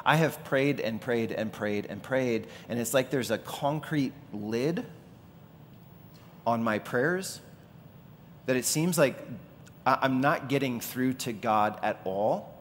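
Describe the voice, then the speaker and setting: A middle-aged male pastor preaching a sermon in a conversational, animated storytelling way. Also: mid-range voice, takes it slowly, slight background noise. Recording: long hall reverb.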